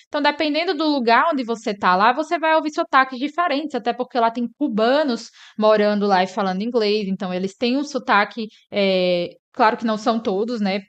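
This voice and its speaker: A woman's voice: a little high, muffled recording. A woman from Northeast Brazil, explaining an English lesson and often checking in with her listeners. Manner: explanatory, tags sentences with "né?". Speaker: English teacher.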